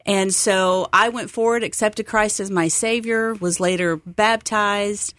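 A middle-aged woman from Texas, a seminary site coordinator, appears as an upbeat, earnest guest on a conversational radio interview. Her medium-pitched, fairly bright voice is unhurried and fairly even in intonation, recorded with no echo.

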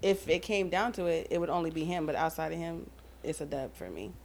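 A woman's voice: low-pitched, fairly quick, darkish tone. A woman guest on a casual podcast, giving coy, guarded answers about dating. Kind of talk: casual group podcast chat.

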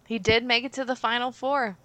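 A woman co-hosting a podcast, relaxed and chatty about the games she plays. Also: on the high side. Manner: relaxed and chatty, quick to agree. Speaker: podcast co-host. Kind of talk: casual podcast chat.

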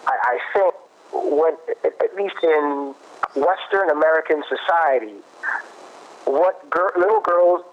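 A man explaining parenting research in a conversational way, pausing and restarting as he thinks. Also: fairly high pitch. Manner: thoughtful, restarts often, cites research. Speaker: guest expert on parenting. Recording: muffled lo-fi audio.

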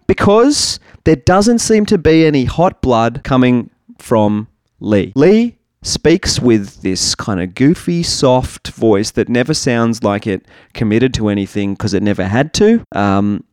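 A man's voice: mid-range voice, darkish tone, clean tone, no echo, clean studio sound. A man, co-hosting a podcast in casual, sarcastic chat with mocking impressions. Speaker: podcast co-host. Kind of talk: casual chat recapping a reality show.

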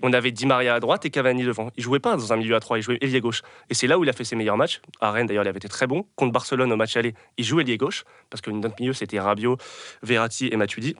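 A man's voice: medium pitch, quick pace, a bit bright, no echo, studio quality. A man on a football panel, analyzing tactics and building on others' points. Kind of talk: casual football debate.

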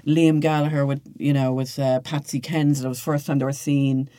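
A woman's voice: a bass voice, a little fast, no echo, studio quality. A woman, a guest on a podcast, telling anecdotes in casual, filler-heavy chat. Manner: animated storytelling with many fillers.

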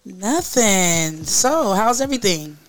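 A woman's voice: medium pitch, very animated, slow pace, soft background music. A woman co-hosting a podcast in casual, teasing chat. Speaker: podcast co-host.

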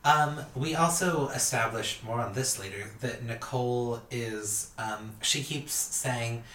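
Very low-voiced woman podcaster. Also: slow, roomy sound, a little hiss or hum, low-quality recording. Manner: relaxed, recaps the episode, frequent agreeing. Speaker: podcast co-host. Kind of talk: casual chat.

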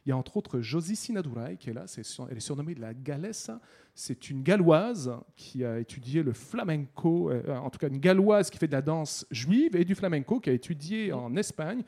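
A man, chatting casually on the radio and halting often with restarts as he promotes events. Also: on the high side, animated, dark tone, husky. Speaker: festival guest columnist.

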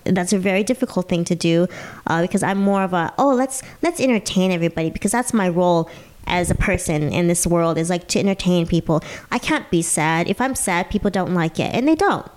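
A woman's voice: fairly low pitch, a little mellow. A woman with a Valley Girl accent talking as a podcast guest, in casual confessional chat full of "like" and "you know". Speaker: podcast guest, stand-up comedian.

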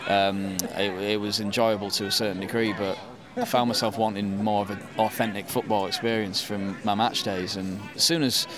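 Chatty Mancunian man in his thirties, somewhat low voice, interviewed outdoors over a loud crowd. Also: fairly even intonation, normal speed, hardly any pauses. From England. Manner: chatty, with frequent restarts and ums. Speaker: football fan interviewee. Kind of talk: casual interview. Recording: crowd noise behind.

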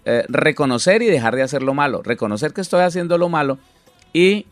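A man's voice: on the high side, expressive, fairly quick, no echo, faint music behind. A middle-aged man, a pastor, earnestly explaining Bible teaching in conversation with many restarts.

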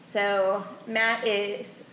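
A woman's voice: mid-range voice, little pitch movement, very slow, a bit bright. A woman in her early thirties teases her older brother in a loose podcast chat. She laughs a lot. Her voice rings in an echoey room over a faint hiss. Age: 30s. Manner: playful, teasing, laughs often. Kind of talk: casual chat.

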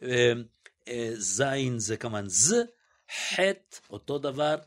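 Male expert guest, average pitch, methodical and a little hesitant, demonstrates pronunciations aloud. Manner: hesitant, self-correcting. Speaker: guest linguist. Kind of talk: explanatory interview talk.

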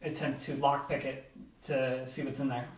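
A man playing a tabletop game in a relaxed, plain-spoken way. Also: medium pitch, moderate pace. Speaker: player. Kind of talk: casual tabletop play. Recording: echoey room, far from mic, noisy.

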